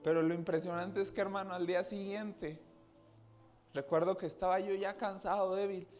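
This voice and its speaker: A man's voice: sits high, steady tone, moderate pace, darkish tone, faint music behind. A man giving a personal testimony to a congregation, earnest, often turning to his listeners directly. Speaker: church speaker giving testimony.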